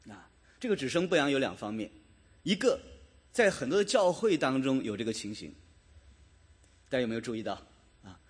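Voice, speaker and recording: A man's voice: mid-range voice, big pitch swings, brisk, pauses often, breathy edge. A man preaching a sermon in a church, talking to his congregation, asking them questions and chuckling now and then. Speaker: pastor.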